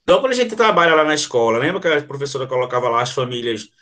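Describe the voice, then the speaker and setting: A man's voice: mid-range voice, lively intonation, very fast, sharp tone. A man teaching language in a live online lesson. He demonstrates the sounds himself, keeps checking in with his viewers and answers their comments as they come in. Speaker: Portuguese teacher.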